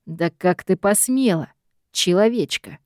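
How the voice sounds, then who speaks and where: A woman's voice: on the low side, lively intonation, unhurried, darkish tone, no echo, studio quality. A woman doing a smug male demon boss. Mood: menacing.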